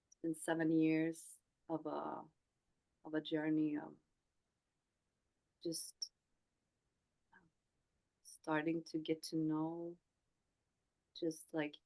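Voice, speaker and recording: A woman in her forties from Sweden, a Swedish speaker talking in English, shares her story softly and haltingly. Her voice sits low and level, with a gravelly edge. She takes her time, pausing and restarting often. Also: monotone, rough recording. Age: 40s. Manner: soft, hesitant, with many pauses and restarts. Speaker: guest. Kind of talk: reflective personal story.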